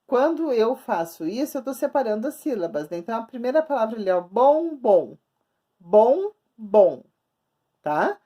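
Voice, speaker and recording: A woman's voice: fairly high pitch, sing-song, mellow. Patient woman teacher spelling out syllables. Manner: patient, repeats and stretches words slowly for young pupils. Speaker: schoolteacher. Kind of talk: remote grammar lesson for children. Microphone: recording at a screen, writing on the board while talking.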